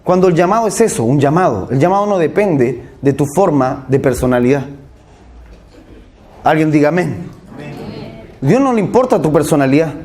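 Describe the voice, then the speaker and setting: A man delivers a sermon in a high, light voice. He talks to his listeners as if chatting with them and keeps asking whether they follow. He slips into quick acted voices for the people he quotes. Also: lively intonation, darkish tone. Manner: conversational, checks in with listeners, acts out quoted voices. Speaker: preacher.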